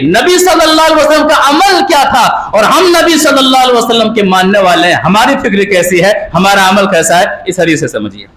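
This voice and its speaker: A man preaching a Friday sermon, swinging between impassioned shouting and low quiet passages a repetitive rhetorical cadence. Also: reverberant, low-quality recording. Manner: rising to impassioned shouts, then dropping low.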